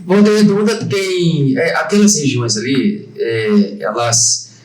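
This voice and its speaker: A man's voice: on the high side, slow, slight background noise. A Brazilian man in his fifties, a podcast guest who talks in a hesitant way, full of fillers and restarts. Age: 50s. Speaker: guest, franchise owner. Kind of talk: conversational podcast interview. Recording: roomy, distant from the mic.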